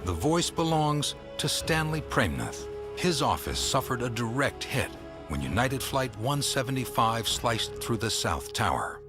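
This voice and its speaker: A man reads documentary narration with a grave, measured delivery. His mid-pitched voice moves a good deal from phrase to phrase. Music plays clearly underneath him. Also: sing-song.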